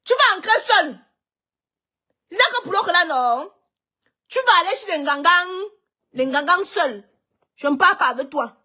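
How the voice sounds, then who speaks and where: A high-pitched woman rants on her live stream. She is animated and confrontational, circling back to the same complaint over and over. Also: measured pace, long pauses.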